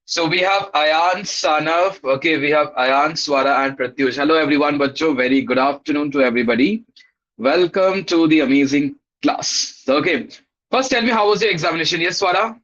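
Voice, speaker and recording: A male teacher with an Indian accent speaks in a fairly high voice through slightly dull, lo-fi audio. He runs a live online class for children, casually greeting and checking in with them in an upbeat, encouraging manner. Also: normal speed, fairly bright tone.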